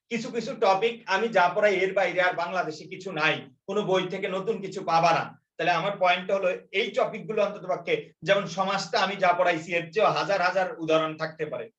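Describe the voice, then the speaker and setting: A man's voice: high-pitched, fairly bright tone. Echoey distant man teaching a class. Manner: repeats key phrases slowly, quizzes students. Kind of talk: classroom grammar lesson. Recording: echoey room, distant dull mic.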